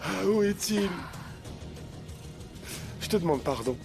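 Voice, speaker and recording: A man's voice: high-pitched, lively intonation, slow pace, vocal fry, music in the background, exaggerated voice. A man dubbing a desperate policeman father in a telenovela, anguished and pleading. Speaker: policeman father of a missing son. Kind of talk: dubbed telenovela acting.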